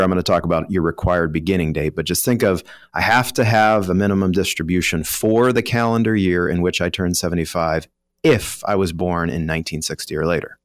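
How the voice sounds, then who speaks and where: A man with a low voice and an American accent appears as a guest expert on a talk show, a retirement planning professional explaining financial rules in a conversational, informal way. He uses hypothetical first-person examples. The sound is dry and close, with no room sound.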